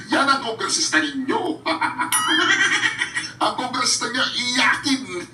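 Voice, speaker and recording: A man's voice: very high voice, expressive, slow pace, bright, forceful tone, reverberant, distant mic, faint music behind, poor audio. A man doing mocking reaction commentary, taunting, often bursting into laughter and addressing his viewers directly. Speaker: reaction vlogger.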